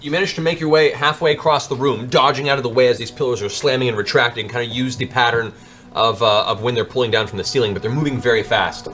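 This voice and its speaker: A game master narrates a tabletop fantasy game in a dramatic, improvised storytelling style, with music behind his voice. He is a man with a medium-pitched, slightly bright voice, fairly even intonation, and a fast delivery.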